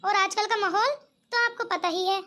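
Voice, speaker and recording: A woman's voice: extremely high pitch, steady tone, normal speed, bright, forceful tone. A woman voicing an anxious, meek young mother in a cartoon comedy, pleading and fretting. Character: worried meek young mother, elder daughter-in-law.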